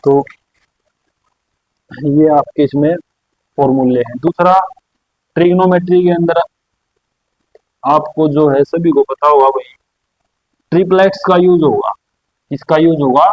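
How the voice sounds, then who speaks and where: A man teaching a maths lesson at a board, explaining slowly and repeating his own questions for the class. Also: on the high side, no echo. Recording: dry, slightly dull lo-fi sound.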